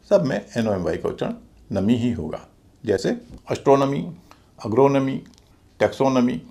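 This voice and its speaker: A man teaching English pronunciation, spelling out letters and syllables slowly and deliberately in a scripted lesson. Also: medium pitch, gravelly, a little mellow.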